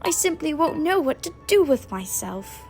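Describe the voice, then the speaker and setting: Woman doing sweet fussy old lady in a cartoon, high n creaky, super grateful. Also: big pitch swings, moderate pace, soft background music. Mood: genteel relief. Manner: effusive, genteel exclamations. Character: genteel, grateful elderly woman with fussy delight. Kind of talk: animated film dialogue.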